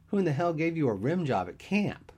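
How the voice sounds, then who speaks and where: A man voicing a brash, crude young man who reacts loudly and with disbelief. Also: fairly high pitch, very animated, a little fast, breathy edge, voice pushed up. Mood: excitable.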